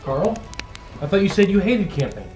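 Tearful, stammering kid friend, voiced by a performer; emotional, lively pitch. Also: moderate pace, faint music behind, lightly acted. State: crying. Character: sweet, tearful young friend Andy.

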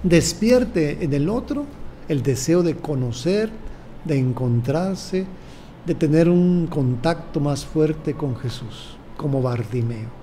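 An older man, a bishop with a Mexican Spanish accent, preaching a sermon in a slow, measured way and repeating his phrases. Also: on the high side, animated, warm tone, a little hiss or hum.

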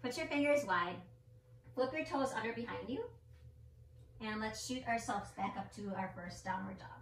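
A woman's voice: fairly high pitch, moderate pace, reverberant, distant mic, slight background noise, rough recording. Encouraging woman guiding a yoga class. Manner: encouraging, gives step-by-step cues and counts down; playful with her child. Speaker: yoga instructor. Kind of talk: guided family yoga class. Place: indoor room with a mirror and mat or carpet.

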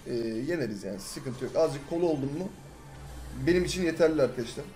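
Excitable fast-talking young man gaming. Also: a little high, faint music behind. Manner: excitable, chatty, swings from mumbling to yelling. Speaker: gaming YouTuber. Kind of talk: live gameplay commentary.

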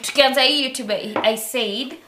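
A woman's voice: sits high, normal speed. A young woman with a Kenyan accent, giggly and drunk, chatting casually and rambling as she repeats her phrases. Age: young adult. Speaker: featured guest. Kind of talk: casual chat. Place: indoors, wood-panelled room. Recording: roomy echo, faint background noise.

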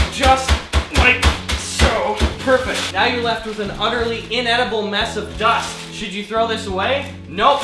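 Young man, sarcastic fake cooking host, echoey kitchen, music underneath. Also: sits high. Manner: sarcastic, exasperated, shouting at his roommate. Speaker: comedy host. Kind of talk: mock cooking show comedy. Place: small home kitchen.

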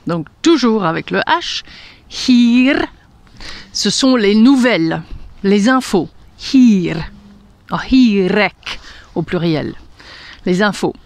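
A woman's voice: medium pitch, animated, no room sound. A woman with a Hungarian accent teaching a language lesson, carefully repeating words one at a time and laughing lightly now and then. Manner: slow, careful pronunciation drills with light laughter.

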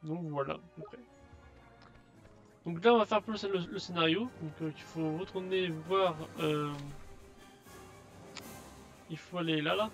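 Un homme qui commente sa partie de jeu vidéo de façon décontractée, en hésitant beaucoup. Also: male voice, on the high side, a little slow, pauses often, a bit bright. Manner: hesitant, many fillers and restarts. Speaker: gamer. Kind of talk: casual let's play commentary. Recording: dull lo-fi sound, faint game music.

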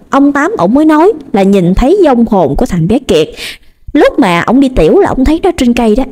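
Lively Southern Vietnamese woman storyteller. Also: on the high side. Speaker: ghost story narrator. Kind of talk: storytelling narration.

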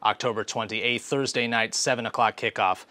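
A young man hosting a post-game interview for a college sports network in a brisk broadcaster manner. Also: lowish voice, steady tone, pushed and bright, no echo. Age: young adult. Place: indoor press backdrop. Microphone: clip-on lapel mic.

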